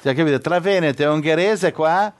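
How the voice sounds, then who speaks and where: A man's voice: fairly high pitch, a little fast, slight background noise. A man hosting an informal religious online chat, talking in a joking, teasing way. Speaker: host of a religious online talk.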